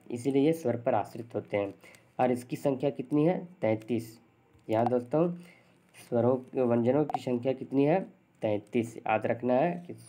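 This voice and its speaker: Teaching a Hindi grammar lesson for exam candidates, this man has a warm, mid-range voice. He keeps repeating definitions, fills in answers to his own questions, and says "thik hai" a lot.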